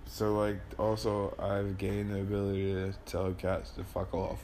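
A man's voice: lowish voice, monotone, a little slow, a little mellow. A man rambling through casual, sweary podcast banter in a loose, giggly way, tripping on mushrooms. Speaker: podcast host. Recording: clearly noisy background ambience.

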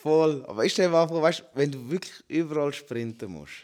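A young man with a Swiss German accent, a guest on a chat show, telling stories in a loud, animated way and mixing in English words. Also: fairly high pitch, a little fast. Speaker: guest, MMA fighter. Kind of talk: casual chat.

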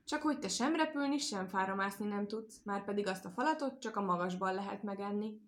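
Sly, quick-witted storybook hare read by a woman, teasing and cheeky. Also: mid-range voice, close to an everyday voice. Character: clever teasing male hare.

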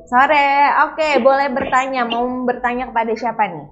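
A woman's voice: a little high, fairly even intonation, moderate pace, music in the background. A woman casually moderating questions as the host of an online event. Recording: dull, lo-fi online call.

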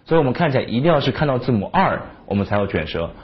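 A man's voice: medium pitch, sing-song, rapid-fire, breathy edge. A man teaching English pronunciation in a casual, chatty lesson, dropping English example words into his talk. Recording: dull lo-fi sound.

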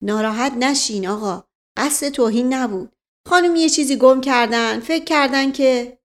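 A woman voicing a calm older male head of household, soothing a quarrel. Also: high voice, voice pushed up, lightly acted. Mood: placating. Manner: soothing, placating.

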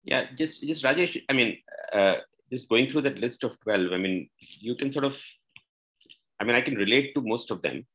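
A man's voice: fairly low pitch, fairly bright tone, poor audio. A man with an Indian accent reflecting tentatively in a casual spiritual discussion, hedging as he goes. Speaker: discussion group participant.

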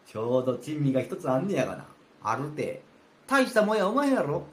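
Kansai snob guest, high-ish scornful drawl, lively pitch, roomy sound, man doing rakugo. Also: fast. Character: snobbish boastful male guest, picky eater. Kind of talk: rakugo storytelling. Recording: roomy with faint ambience.

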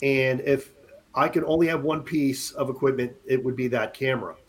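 In a mid-range voice at a moderate pace, a man in his late fifties appears as a podcast guest, chatting casually with plenty of rambling, restarts, and jokes.

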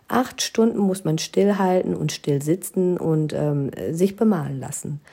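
Plaudernde Frau mit kratziger, dunkler Stimme. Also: female voice, medium pitch, warm tone, slightly rough. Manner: chatty, humorous, frequent tag "ne?" and "äh". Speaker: storyteller recounting her own wedding. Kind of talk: casual spoken anecdote.

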